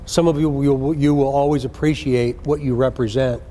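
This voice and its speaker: A man, a senior police official, gives an earnest, deliberate address to recruits, repeating key phrases for emphasis. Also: mid-range voice, fairly even intonation, warm tone, slight background noise.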